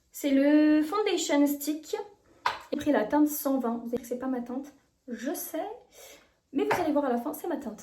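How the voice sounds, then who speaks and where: A woman's voice: high-pitched, mellow, a little hiss or hum. A young woman chatting casually in a makeup tutorial vlog, gushing about the products she uses. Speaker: beauty vlogger.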